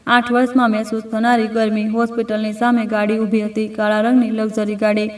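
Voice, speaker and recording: A woman storyteller reads scripted narration in short, even phrases. Her voice is high and keeps a flat, steady line. The mic sits at a distance in a roomy space. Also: fairly quick.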